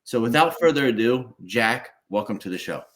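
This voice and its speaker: Lively, rambling male podcast host. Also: mid-range voice, moderate pace. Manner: animated, rambling with many fillers. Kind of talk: conversational podcast interview.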